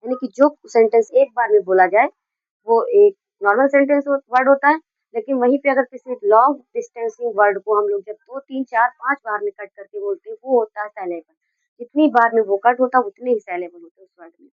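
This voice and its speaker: A woman teaching English grammar in Hindi, explaining step by step and dictating example sentences slowly word by word. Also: a little high, no room sound. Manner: explains step by step with many restarts. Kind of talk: Hindi video lesson on grammar. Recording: dull, dry lo-fi recording.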